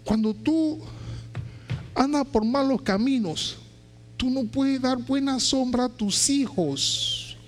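A man preaching a sermon with fervor, often shouting rising questions, then dropping low, with many restarts and repeated words. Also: slow pace, faint music behind.

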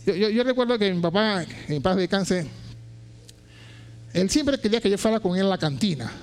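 A man preaching a sermon with fervor, often shouting rising questions, then dropping low, with many restarts and repeated words. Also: animated, normal speed.

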